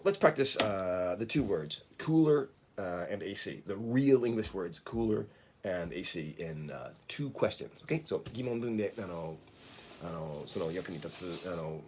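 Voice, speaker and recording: Male English teacher, lively, very animated pitch, slow model phrases, quick Japanese asides, faint hiss in the room. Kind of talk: bilingual English lesson. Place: small English conversation studio.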